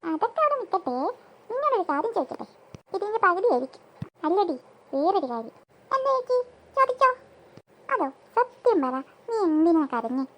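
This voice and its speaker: Very high-voiced cartoon voice actor, a woman. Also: very animated, brisk. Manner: switches voices between sisters, mother and friend. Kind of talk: cartoon voice acting.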